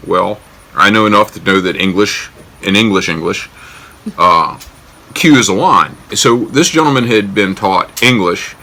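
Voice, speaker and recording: A man's voice: lowish voice, sharp tone. An American man telling a casual personal anecdote in a wry, self-deprecating, joking way. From United States. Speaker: storyteller.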